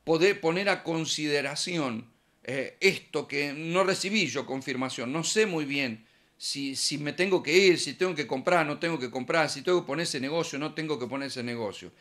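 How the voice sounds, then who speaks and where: A man's voice: fairly high pitch, moderate pace, a bit bright. A man with a Rioplatense Spanish accent preaching a conversational sermon, acting out little dialogues in his examples.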